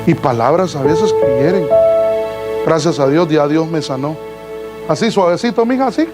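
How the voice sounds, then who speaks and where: A man's voice: a little high, animated, normal speed, over loud music, rough recording. A man pastor preaching a sermon in a church, asking the congregation questions and calling them brother. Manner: addresses listeners as brother.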